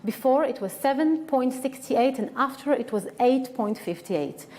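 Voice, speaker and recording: A woman's voice: high voice, lively intonation, moderate pace, warm tone. A woman with a strong Israeli accent giving a conference lecture in an earnest, frank and emphatic way. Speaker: researcher giving a conference talk. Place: conference hall.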